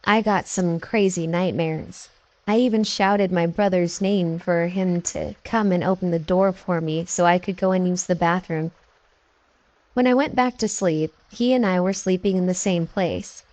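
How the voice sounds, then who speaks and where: Lady reading creepy true stories, calm measured read, dead dry close sound. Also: on the low side, dry recording, low-quality recording. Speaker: narrator. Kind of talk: scripted narration of scary stories.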